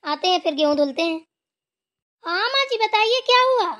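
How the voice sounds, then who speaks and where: A woman's voice: high voice, moderate pace, lightly acted. A woman voicing a dutiful, cheerful young daughter-in-law in a cartoon, speaking earnestly and sweetly. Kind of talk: cartoon voice acting.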